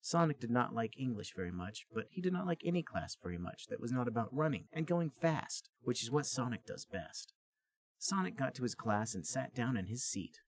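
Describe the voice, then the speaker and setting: A man hosting a comedy podcast reads a story aloud, giving comic narration in a plain storybook manner. His medium-pitched voice swings widely in pitch at a normal speed.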